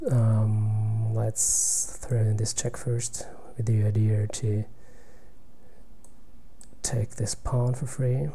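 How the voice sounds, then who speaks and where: With a fairly low, flat voice and faint background noise, this quiet German man gives live commentary on his own blitz game online. He reasons out loud in fits and starts, going nearly silent to a whisper whenever he works out lines.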